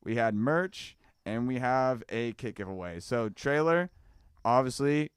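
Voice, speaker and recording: A man's voice: mid-range voice, expressive, a little slow, smooth, no echo, clean studio sound. A man hosting a casual football podcast, rambling loosely with restarts and asking "you know what I mean?". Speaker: podcast host.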